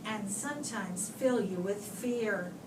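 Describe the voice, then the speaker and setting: A woman with a medium-pitched voice reads a children's picture book aloud the way a teacher would, using expressive, deliberate phrasing and pausing for young listeners. She's recorded from a distance in a room, so the sound is roomy with clear background noise.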